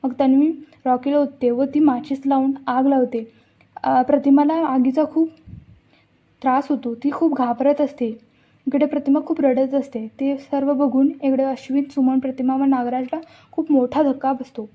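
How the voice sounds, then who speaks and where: A woman's voice: high-pitched, level tone, moderate pace. A woman casually retelling an episode of a TV serial, unscripted and full of restarts. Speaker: narrator recapping a TV serial. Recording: dull lo-fi recording.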